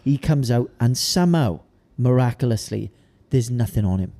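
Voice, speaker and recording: A man's voice: medium pitch, animated, moderate pace, mellow. A young man from the South Wales valleys with a Welsh Valleys accent, chatting casually in a laddish, colloquial way. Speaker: podcast co-host, amateur bodybuilder. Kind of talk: casual chat, anecdotes.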